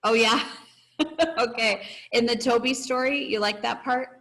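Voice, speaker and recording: On the high side and a bit bright, this woman's voice has fairly even intonation and moves a little slowly. She's a teacher reading aloud to her pupils and steering class discussion over a video call in an online class, speaking encouragingly.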